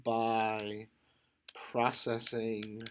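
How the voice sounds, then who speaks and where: A man's voice: fairly low pitch, completely flat delivery, very slow, a little hiss or hum. A man teaching a computer science class, talking casually with many fillers and restarts as he thinks aloud. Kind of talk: lecture.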